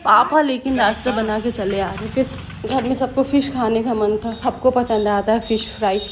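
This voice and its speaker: A woman's voice: a little high, normal speed, a little hiss or hum. Woman narrating her family vlog. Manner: lively storytelling, acting out family members' lines. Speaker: vlogger narrating family footage. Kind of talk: casual vlog voice-over narration.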